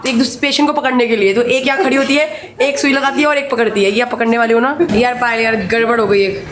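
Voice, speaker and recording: A woman's voice: on the high side, steady tone, quick pace. A woman vlogging in a hospital, joking and playful while reassuring others. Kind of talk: casual vlog chat. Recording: echoey hospital with crowd.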